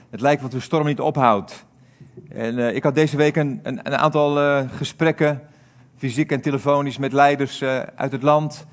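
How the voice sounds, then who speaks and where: A man giving a sermon as a pastor, talking earnestly with frequent hesitations and fillers. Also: medium pitch.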